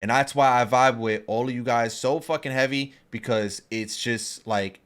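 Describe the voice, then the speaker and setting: A man in his thirties co-hosting a podcast, chatting casually. He talks with emphatic, profane conviction, like a pep talk. His voice sits at an ordinary middle pitch. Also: normal speed, a bit bright, smooth. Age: 30s. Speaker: podcast co-host.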